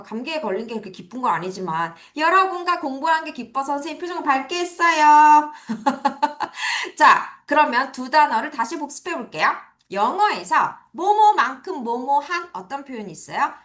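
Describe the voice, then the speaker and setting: A woman English teacher leading a children's vocabulary lesson, drilling her students with slow, sing-song call-and-repeat questions. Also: high-pitched, sing-song, sharp tone.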